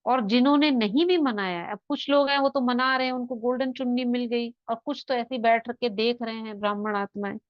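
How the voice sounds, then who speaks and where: A woman's voice: a little high, fairly even intonation, a little fast, hardly any pauses, no room sound. Woman leading a spiritual class, lo-fi. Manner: explanatory, asks the listeners rhetorical questions. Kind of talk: spiritual class with guided visualization. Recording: dull lo-fi dry recording.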